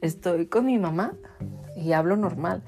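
A man's voice: high-pitched, unhurried, creaky, a little mellow, faint music behind. A man with a Mexican accent hosting a podcast, chatting casually to his listeners and filling his talk with "o sea". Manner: chatty, many "o sea" fillers. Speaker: podcast host.

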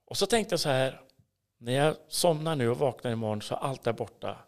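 Speaking at a medium pitch in an animated way, an interview guest with a Swedish accent tells the story of his faith. Intensely earnest, he sometimes lowers his voice to a whisper, then pushes out emphatic bursts.

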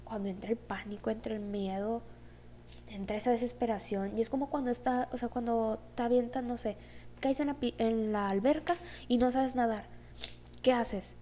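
Young woman, Mexican Spanish accent, casual storytime, rambling with fillers, low-key warm voice. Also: fairly even intonation, normal speed, a little hiss or hum. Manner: rambling, heavy filler "o sea, como que"; acts out quoted dialogue. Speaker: vlogger.

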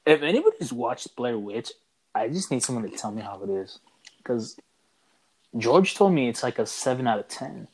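A man's voice: medium pitch, very animated, moderate pace, a little mellow, husky, rough recording. Teasing teenage guy who laughs easily. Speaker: podcast co-host. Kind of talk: casual chat.

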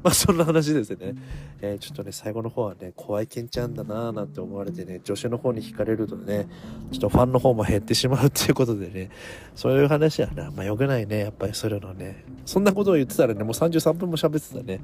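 A man's voice: on the low side, lively intonation, fast talker. Chatty man telling a story. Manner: chatty, rambling, gets heated and tough-talking. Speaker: podcast host. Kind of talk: casual solo storytelling podcast.

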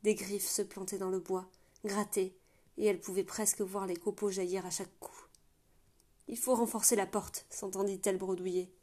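Steady woman reading a novel aloud. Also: mid-range voice, normal speed. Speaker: audiobook narrator. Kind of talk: scripted storybook narration.

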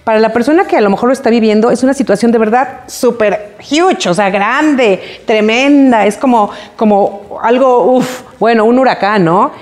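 A woman co-hosting a casual talk show, expressive and emotional, acting out the phrases she quotes. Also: fairly high pitch, normal speed, few pauses. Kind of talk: casual chat.

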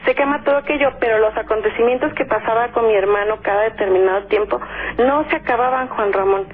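A woman with a Mexican accent tells a spooky family story as a caller on a radio show. Her voice sits a little high and comes through a narrow, tinny phone line. She stops to act out what others said and fills her pauses with "este". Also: husky. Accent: Mexican Spanish. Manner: lively storyteller who acts out her parents' lines, frequent "este" fillers. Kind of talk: telling a ghost story on a call-in show.

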